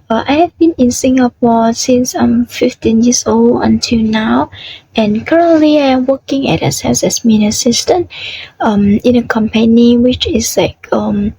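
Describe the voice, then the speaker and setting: Husky slow-talking Vietnamese young woman. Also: fairly high pitch, warm tone, rough recording. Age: 20s. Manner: hesitant, many fillers and restarts. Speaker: interviewee. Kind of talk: casual personal sharing.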